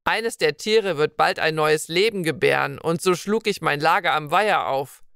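A woman's voice: deep voice, normal speed, vocal fry, fairly bright tone, clean tone, no echo, studio quality. A woman doing a friendly young knight. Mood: reassuring. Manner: courteous, old-fashioned speech.

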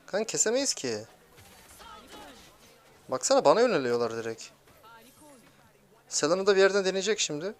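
A young man giving excitable, grumbling commentary while playing a mobile game, swearing at teammates. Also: high voice, moderate pace, pauses often, soft background music. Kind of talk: live gameplay commentary.

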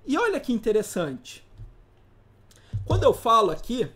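An instructor leads a casual live class in a medium-pitched, sing-song, slightly bright voice, taking his time. He's informal and slangy, with playful teaching asides and frequent rhetorical questions to the audience.

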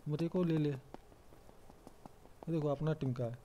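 A man's voice: a little high, fairly even intonation, a little slow, mellow, dull audio, a little hiss or hum. A young man giving casual, chatty commentary on his own gameplay and joking about himself. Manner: chatty, self-mocking, calls out to teammates. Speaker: gamer commentating his play.

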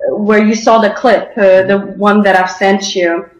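A woman's voice: medium pitch, steady tone, measured pace, reverberant, rough recording. A young woman from Denmark answering interview questions over a video call, hesitant with many fillers.

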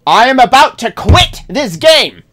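A woman gamer rages through her gameplay commentary in a high, very animated voice. She rants and yells in exasperation, drawing out her words at a slower pace and swearing as she goes. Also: slight background noise. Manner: raging gamer, exasperated ranting and yelling.

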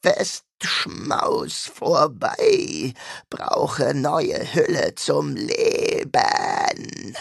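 A man rasping as a starving scratchy demon. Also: on the high side, huge pitch swings, fairly bright tone, no room sound, clean studio sound, voice pushed up, heavily acted. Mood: hungry hissing. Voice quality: scratchy, halting. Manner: very slow, hissing, fragmentary. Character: ravenous demon in a corpse, broken speech.

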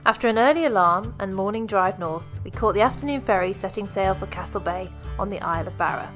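A woman vlogs a cycling trip in an upbeat, chatty tone. Her narration sits over clear background music. Her outdoor chat has small hesitations. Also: mid-range voice, a little fast, fairly bright tone.

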